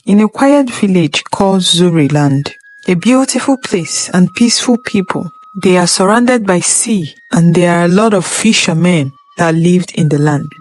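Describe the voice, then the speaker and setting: A woman narrating a folktale in an unhurried, plain storytelling manner. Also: on the low side, expressive, darkish tone, rough recording.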